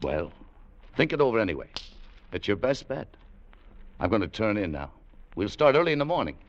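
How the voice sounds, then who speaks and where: Wary and coaxing, a male American radio actor narrates as the hard-boiled gold-hunter lead of a 1940s-50s adventure drama, clipped, tough and colloquial. His lowish voice is very animated and slightly fast, heard through a muffled vintage recording over music.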